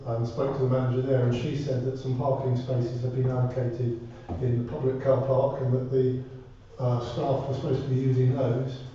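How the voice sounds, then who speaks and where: A distant, heavily echoing recording of a man addressing a council meeting. He has a soft-edged, mellow tone and speaks in a polite, measured, slightly hesitant way as a member of the public. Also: mid-range voice, level tone. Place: indoor parish council meeting room. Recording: muffled, echoey room, distant mic, faint noise.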